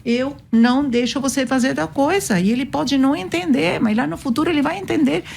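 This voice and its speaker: A woman's voice: high-pitched, fairly quick, creaky, darkish tone, slight background noise. A woman giving earnest, firm advice on parenting from her own life on a talk show. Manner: earnest, firm, repetitive emphasis.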